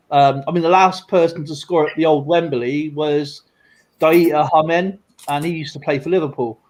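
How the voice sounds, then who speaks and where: A man's voice: on the high side, darkish tone, poor audio. A man chatting casually on a stream, rambling with lots of fillers and restarts. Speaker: streamer and coin collector. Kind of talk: casual live-stream chat.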